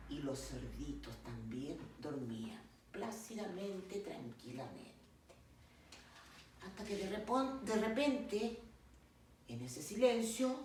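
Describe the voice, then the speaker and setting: A woman slowly reading a picture book aloud to children, acting out the animal sounds. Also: on the low side, a little mellow. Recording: distant mic, very echoey room, faint noise.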